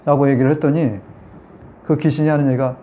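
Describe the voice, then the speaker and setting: A man's voice: fairly high pitch, fairly even intonation, fairly quick, mellow, highs cut off. A man giving a Sunday sermon as pastor, telling a story and talking to the congregation in a conversational way.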